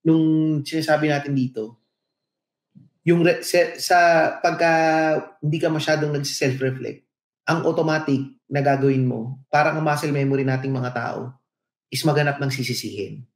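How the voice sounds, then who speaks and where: A man's voice: medium pitch, steady tone, normal speed, pauses often. A middle-aged man from the Philippines with a Filipino accent, a podcast co-host telling stories in a reflective, casual way. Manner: reflective storytelling. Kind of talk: casual podcast chat, mixing in English. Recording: echoey room.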